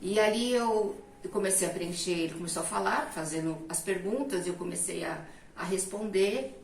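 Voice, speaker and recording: A woman's voice: mid-range voice, normal speed, gravelly, slight background noise. A middle-aged woman telling a personal testimony in casual conversation, acting out the voices she quotes. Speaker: guest telling her testimony. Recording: roomy sound, mic at a distance.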